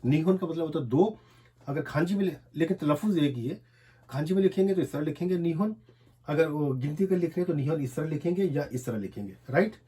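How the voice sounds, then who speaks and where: Mellow-voiced man teaching, slow repetitions. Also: a little high, lively intonation. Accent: Urdu. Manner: repetitive, drills words slowly one syllable at a time. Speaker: language teacher. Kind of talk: explaining a lesson while writing on a board.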